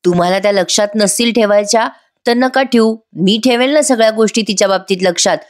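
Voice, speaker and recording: A woman's voice: mid-range voice, a little fast, close to an everyday voice. A woman voicing a defiant grown son who talks back sarcastically to his parents. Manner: sarcastic, retorting.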